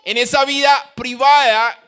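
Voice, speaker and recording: A man with a Colombian Spanish accent preaches a sermon in a very high voice. His tone is bright and ringing. He slips into the voices of the people he quotes to drive his points home. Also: fairly even intonation, unhurried, smooth. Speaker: pastor.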